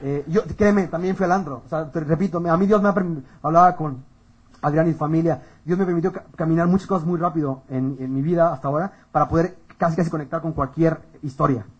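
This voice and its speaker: Mexican man as youth preacher, husky and high-voiced, slangy, animated sermon. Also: quick pace, highs cut off. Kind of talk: energetic youth-camp sermon.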